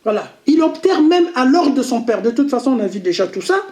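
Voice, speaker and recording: A woman with an Arabic accent giving a deliberate religious lesson, repeating key points and checking in with listeners. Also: sits high, big pitch swings, warm tone, roomy sound. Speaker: religious video commentator. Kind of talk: slow explanatory religious lesson.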